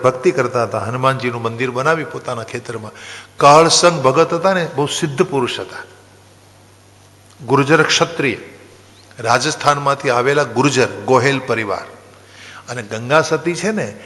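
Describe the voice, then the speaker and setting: A man's voice: medium pitch, sharp tone, big-room sound. A man from Junagadh, Gujarat, telling a devotional story as a katha preacher, chanting verses and then explaining them.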